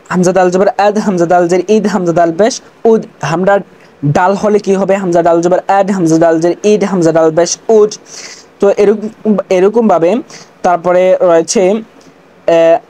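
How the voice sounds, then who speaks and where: A teacher giving an online language lesson, drilling letter sounds slowly and deliberately after opening with religious greetings and prayers. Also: medium pitch, dark tone. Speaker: Urdu teacher.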